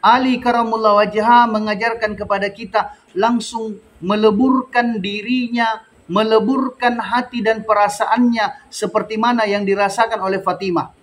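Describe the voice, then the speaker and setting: A man's voice: high-pitched, fairly even intonation, normal speed, fairly bright tone. A man preaching a storytelling sermon, dramatic and drawn out, with frequent Arabic pious phrases.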